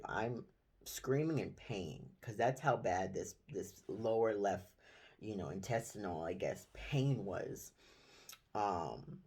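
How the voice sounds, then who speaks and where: Halting, low-voiced man telling a story. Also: a little mellow. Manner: halting, rambling, many restarts. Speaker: vlogger. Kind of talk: casual personal storytelling. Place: indoor room. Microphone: phone.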